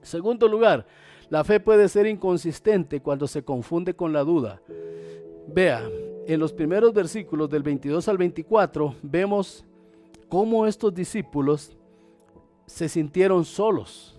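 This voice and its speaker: A middle-aged man preaches in a high, expressive voice, acting out the lines he quotes and swinging between quiet and loud passages. Soft music plays faintly beneath the sermon. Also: unhurried. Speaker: pastor.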